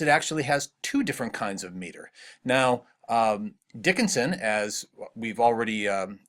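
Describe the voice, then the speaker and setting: Man giving a thoughtful recorded poetry lecture. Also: mid-range voice. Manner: thoughtful, asks questions, slows to read poem lines aloud. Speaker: literature teacher.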